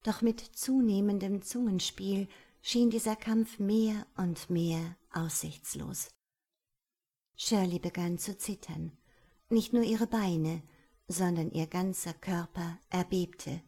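A woman reading an audiobook in a breathy, intimate manner, at times half-whispered. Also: medium pitch, takes it slowly, warm tone. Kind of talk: audiobook narration.

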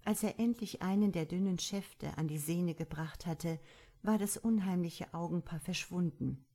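A woman reads a dark fairy tale aloud as an audiobook narrator. Her voice is low and husky, and she keeps it soft and hushed, often close to a whisper. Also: normal speed. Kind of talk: audiobook storytelling.

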